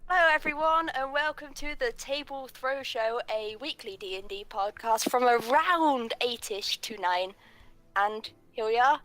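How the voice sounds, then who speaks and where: A woman's voice: a little high, measured pace, a bit bright, low-quality recording. A woman opening a tabletop game stream and chatting casually, breezy and a bit scattered. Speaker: co-host and player.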